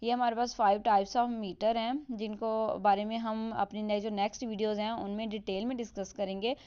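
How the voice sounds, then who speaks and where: Smooth-voiced woman teaching a lesson. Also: medium pitch, little pitch movement, a little mellow, dull audio. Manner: mixes English terms into Hindi speech, reads example lines slowly. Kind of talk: explanatory lesson.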